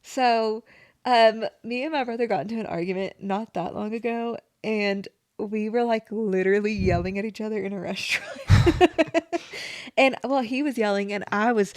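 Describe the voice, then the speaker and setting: Young woman co-host, chatty and filler-heavy, medium pitch, dry studio sound. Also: a little mellow, dry recording. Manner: chatty, says "like" constantly, quick laughs. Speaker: podcast co-host. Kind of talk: casual chat.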